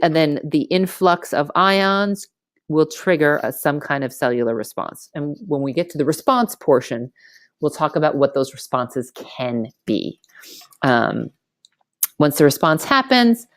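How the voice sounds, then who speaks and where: A woman giving an informal screen-recorded lecture as a teacher, explaining step by step in casual, colloquial language and often checking in with a quick okay. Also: deep voice, no room sound, clean studio sound. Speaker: biology teacher. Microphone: close mic on a screen recording.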